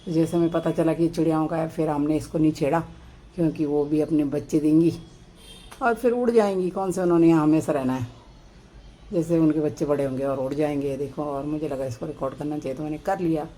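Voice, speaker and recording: Hushed Pahadi woman filming birds. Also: deep voice, fairly even intonation, fast talker. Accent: Pahadi Hindi. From Uttarakhand. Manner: hushed, soft-spoken so as not to scare the birds. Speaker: vlogger. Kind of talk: casual vlog narration. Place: outdoors on a sunny rooftop balcony at home. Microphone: phone camera held by the speaker.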